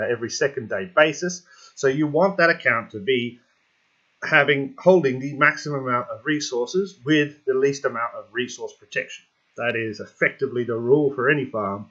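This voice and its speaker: A man's voice: mid-range voice, fairly bright tone, slightly rough, lo-fi sound. A man hosting his own gaming channel, walking through game strategy in a chatty, rambling way with lots of fillers and self-corrections. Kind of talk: casual game strategy tutorial.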